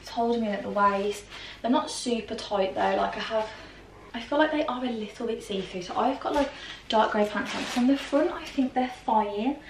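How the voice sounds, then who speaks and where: Speaking at normal speed in a fairly high voice, a young British woman in her twenties talks her way through a clothing try-on, leaning heavily on "like" and other fillers. She's filmed indoors in a plain grey bedroom by a camera mic across the room, so the sound is echoey, a bit off-mic, with faint ambience and slight hiss or hum.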